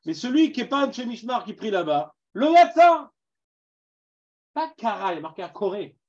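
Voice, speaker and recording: A man with a Parisian accent leads a Talmud class in a high voice that swings widely in pitch. He keeps putting questions to his students and mixes Hebrew terms into his French. The recording sounds dull and lo-fi. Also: animated, a little fast. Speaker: rabbi teaching Talmud.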